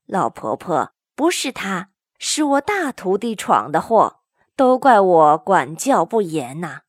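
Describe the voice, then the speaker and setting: A woman voicing a stern but gentle old monk master who chides slowly and gravely. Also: fairly low pitch, very animated, no room sound, clean studio sound, heavily acted. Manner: slow, grave and chiding.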